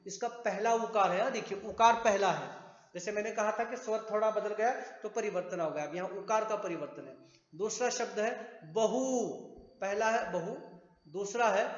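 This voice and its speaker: Guy teaching grammar, slow and patient, repeats stuff, echoey room with long reverb. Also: high-pitched. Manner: patient, repeats and spells out sounds. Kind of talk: grammar lesson at a board. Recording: echoey room, dull sound.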